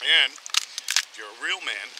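A man, chatting slowly to the camera while cooking on a rocky seashore. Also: medium pitch. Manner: slow, relaxed, talking to the camera while cooking. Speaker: outdoor vlogger. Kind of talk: casual outdoor cooking vlog. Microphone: action camera on a tripod. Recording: loud outdoor background noise.

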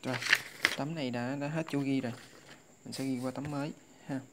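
A tutor gives a casual lesson, slowly reciting and repeating readings as a drill. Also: mid-range voice, steady tone, a little mellow, slight background noise. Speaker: language tutor.

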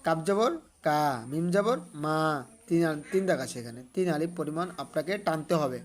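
A man teaching a Quran reading lesson in a patient, measured voice. He names each letter and vowel sign one at a time. Then he draws out the joined syllables in a sung recitation tone. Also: fairly high pitch, expressive.

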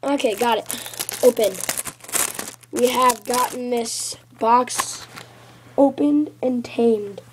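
A woman with a fairly high voice gives casual, off-the-cuff unboxing commentary. She sounds sniffly from a cold. It is an amateur home video made on a nearby handheld camera, with slight background noise. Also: slow, pauses often. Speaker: gaming video maker. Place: carpeted room at home.

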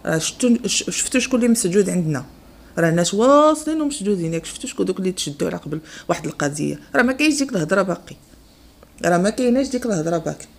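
Fast-talking indignant Moroccan woman. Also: fairly low pitch, sing-song. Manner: indignant, repeats phrases for emphasis. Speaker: online commentator. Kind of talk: heated opinion monologue.

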